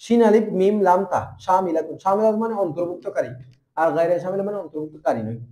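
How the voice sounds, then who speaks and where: High-voiced Bangladeshi man teaching grammar. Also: very fast, dark tone, echoey room. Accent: Bangladeshi Bengali. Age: young adult. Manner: asks the class questions and answers them himself; spells out letters and repeats terms. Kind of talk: classroom grammar lesson.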